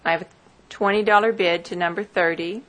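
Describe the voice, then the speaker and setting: A woman working as an auctioneer, formally reading out lot numbers and bids in a measured, repetitive, methodical way. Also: on the low side, steady tone, a bit bright.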